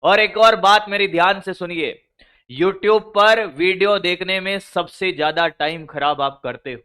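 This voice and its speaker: A man's voice: high voice, fairly even intonation, measured pace, pushed and bright, clean tone. A physics teacher giving scolding, motivational study advice, full of rhetorical questions to his students.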